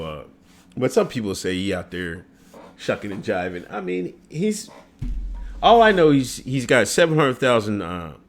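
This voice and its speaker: A middle-aged man hosting a casual livestream, talking loosely with many fillers and frequent laughs. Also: lowish voice. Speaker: show host.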